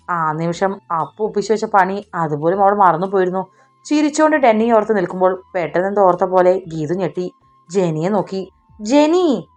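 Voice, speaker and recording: Audiobook narrator: woman, soft steady storytelling, medium pitch, light music bed. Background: faint music.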